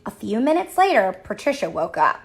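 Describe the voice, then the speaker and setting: A woman reading a picture book aloud to children, with expressive, sing-song storytelling. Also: mid-range voice, brisk. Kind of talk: read-aloud storybook narration.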